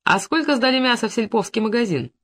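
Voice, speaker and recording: A reader voicing a brisk male investigator in an audiobook, questioning with dry, mildly mocking persistence. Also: medium pitch, expressive, a bit bright, pitched above the performer's own voice. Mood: probing.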